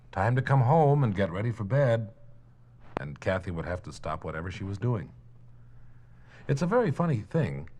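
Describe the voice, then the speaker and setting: A man narrating a children's story in a gentle, playful storytelling manner on an old mono record. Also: low voice.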